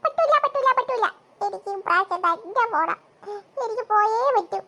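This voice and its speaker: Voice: very high-pitched, normal speed, sharp tone, full character voice. A voice actor playing a crying, whining schoolboy in a cartoon. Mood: insistent. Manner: whining, wailing. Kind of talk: cartoon voice acting.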